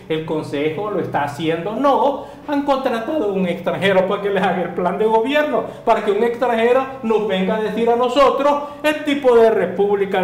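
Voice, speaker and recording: Man, political commentator, rhetorical questions, fairly high voice, roomy studio sound, faint hiss. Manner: insistent, critical, rhetorical questions.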